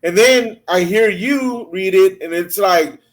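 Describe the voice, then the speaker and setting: A man's voice: sits high, takes it slowly. A man hosting an interview, enthusiastic and stammering, repeating words as he searches for what to say. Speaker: interview host. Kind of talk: casual interview chat.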